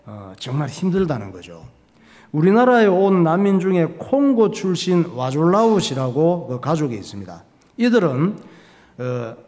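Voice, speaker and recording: Male pastor, fairly high voice, animated sermon delivery, folksy, answers his own questions; church hall with long reverb. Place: church sanctuary.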